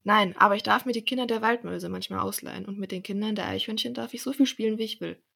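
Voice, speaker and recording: Excited little gnome children , as a woman reading aloud puts them on, loud and eager in a storybook voice. The tone is gravelly with a husky edge. They pester and plead. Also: mid-range voice, fast, heavily acted.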